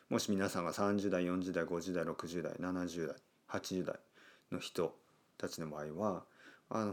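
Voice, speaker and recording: A man hosting a casual solo podcast, talking slowly and clearly with many fillers. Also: on the low side. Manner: animated, acts out quoted voices. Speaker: podcast host.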